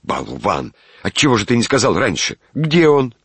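Man playing an excitable, vain official for a storybook reading, deep, husky, swings from shouting to musing. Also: takes it slowly, no echo, heavily acted. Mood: agitated. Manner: agitated shouts, then dreamy musing.

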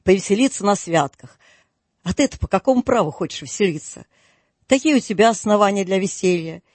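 A cranky old skinflint snaps and grumbles, played by a male reader. The voice sits low and husky, clipped and scornful, in a dry, close audiobook recording. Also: lively intonation, brisk, no room sound. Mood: grumbling. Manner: grumbling, curt, indignant. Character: grumpy miserly old man, scornful. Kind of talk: audiobook reading.

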